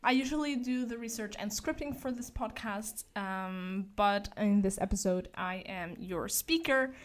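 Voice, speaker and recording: A woman's voice: mid-range voice, a little slow. A young woman from Portugal whose first language is Portuguese, introducing herself on a podcast in a friendly, slightly hesitant way. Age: young adult. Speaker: podcast co-host. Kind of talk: casual introduction.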